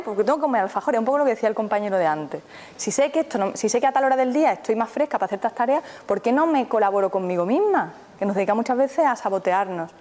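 A woman's voice: on the high side, a little mellow. A woman, a therapist giving a live mindfulness talk, who keeps turning to the audience with questions. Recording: reverberant hall, faint background noise.

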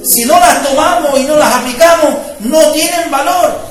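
A man's voice: very high-pitched, normal speed, a crowd in the background. A man preaching a sermon as pastor, talking conversationally and building to fervor, often checking "do you understand me?". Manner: conversational preaching with rising fervor, frequent "¿me entiende?". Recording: echoey room, voice from far off mic.

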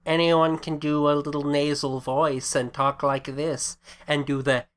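A man's voice: a little high, level tone, unhurried, a bit bright, smooth. A man co-hosting a podcast, chatting casually about a film in a rambling way, with frequent restarts. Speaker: podcast co-host.

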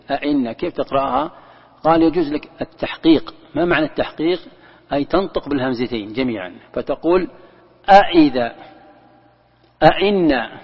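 Here a man with a slightly rough mid-range voice teaches Quran commentary as a sheikh, walking through it step by step, repeating key terms and demonstrating a verse's recitation. The dull lo-fi recording comes from a long-echoing hall.

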